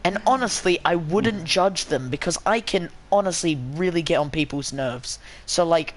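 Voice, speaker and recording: A man's voice: a little high, moderate pace. A man commentates a live sim race from his desk mic in the small hours. His talk wanders, stumbles and restarts, full of fillers and jokes at his own expense, and he sounds a bit tired. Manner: rambling, self-mocking, lots of fillers and restarts. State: tired late at night.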